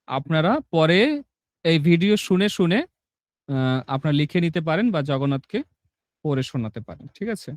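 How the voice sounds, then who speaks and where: High clear-voiced religious teacher. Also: male voice, big pitch swings, normal speed, pauses often, no echo, clean studio sound. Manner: instructive, asks "understood?" often. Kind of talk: devotional class and chanting names.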